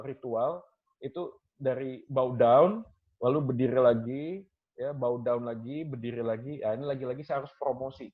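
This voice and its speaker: A male lecturer in a casual talk, telling stories from his classes and acting out his students' questions in a lively way. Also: medium pitch, phone-quality sound. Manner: animated storyteller, acts out students' questions, mixes in English phrases.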